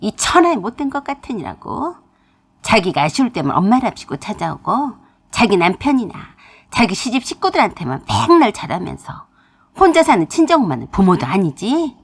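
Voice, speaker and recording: Woman doing old mother, angry, harsh slow scolding, husky voice, radio-story reading. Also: fairly low pitch, very animated, voice pushed down, heavily acted. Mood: furious scolding. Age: older. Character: bitter scolding old mother, widowed and lonely.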